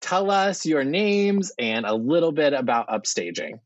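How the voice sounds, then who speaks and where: A man's voice: a little high, sing-song, a little slow, no room sound, highs cut off. A man hosting a podcast in a friendly, eager way, welcoming his guests. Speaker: podcast host, realtor.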